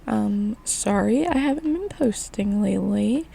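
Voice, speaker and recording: Hoarse, gravelly young woman vlogger. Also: mid-range voice, animated, measured pace, warm tone. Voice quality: raspy. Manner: chatty and rambling. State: hoarse from a chest illness. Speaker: craft vlogger. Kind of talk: casual voice-over. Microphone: voice-over mic.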